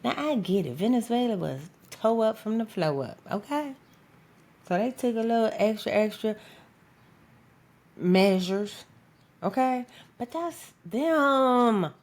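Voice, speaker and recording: A woman's voice: fairly high pitch, lively intonation, takes it slowly, pauses often, a little mellow. A woman giving an impassioned opinion monologue as a political commentator, emphatic and profane, punctuating points with a pointed "okay?".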